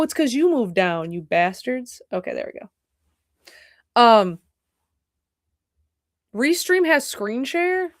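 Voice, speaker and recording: A young woman talks to her stream audience from a home setup in a loose, meandering way. She curses often and keeps cutting herself off with little apologies. Her voice sits at an ordinary pitch and is heard on a dry, close microphone with no room sound. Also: no room sound. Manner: rambling, profane, self-interrupting, apologetic asides. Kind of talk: casual livestream chat.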